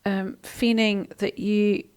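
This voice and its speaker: A woman's voice: medium pitch, level tone, slow pace, clean tone. A woman hosting a live online coaching session, talking casually with lots of ums and restarts as she reads and answers viewer comments. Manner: chatty, warm-hearted, many ums and restarts.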